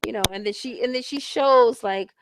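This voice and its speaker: A woman's voice: on the high side, moderate pace. Blunt, profane woman host over hiss. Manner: blunt, profane, heavy use of slang; lectures listeners directly. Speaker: host reviewing a reality show. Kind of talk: casual ranting commentary. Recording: hissy home recording.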